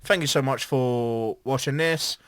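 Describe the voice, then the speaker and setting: A man's voice: medium pitch, unhurried, smooth, dry recording, studio quality. A man hosting a podcast, chatting casually and laughing often. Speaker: podcast host.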